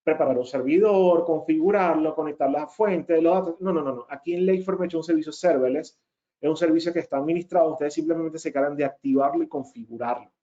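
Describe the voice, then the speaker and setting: A man's voice: on the high side, quick pace, mellow. A man giving a technical webinar presentation as a data consultant, explaining step by step and often checking in with his listeners. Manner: emphatic repeated denials. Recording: muffled lo-fi audio.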